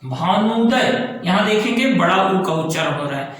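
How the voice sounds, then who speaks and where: A man teaching a grammar lesson, explaining slowly and repeating key terms while checking that students follow. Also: high-pitched, lively intonation, a bit bright. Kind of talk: classroom lesson. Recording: very echoey room.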